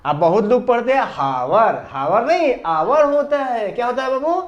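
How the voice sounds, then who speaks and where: A man's voice: extremely high pitch, very animated, fairly quick, dull audio. A man teaching English grammar to a class, with a Hindi accent, drilling pupils with repeated questions and answers. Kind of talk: classroom lesson.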